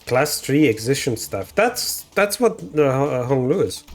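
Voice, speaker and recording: A man's voice: mid-range voice, big pitch swings, normal speed, faint music behind. Brief: a laid-back man streaming a game, mid-range voice, chatty and profane. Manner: casual, swears, reads lines aloud. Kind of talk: live game playthrough with read-aloud translation.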